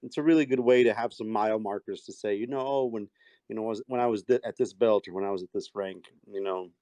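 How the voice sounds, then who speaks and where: Low mellow guy hosting a chat, keeps saying that's cool, dry sound. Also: no echo. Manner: encouraging, quick to affirm with short replies. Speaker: podcast host. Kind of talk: casual interview chat.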